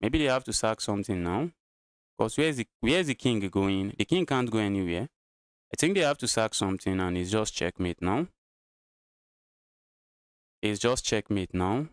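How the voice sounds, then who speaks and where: Nigerian guy talking thru his chess moves, lowish smooth voice, keeps repeating himself. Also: lively intonation, normal speed, pauses often, dry recording, clean studio sound. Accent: Nigerian English. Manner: thinks aloud, repeats phrases. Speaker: chess streamer. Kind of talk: live-streamed chess commentary.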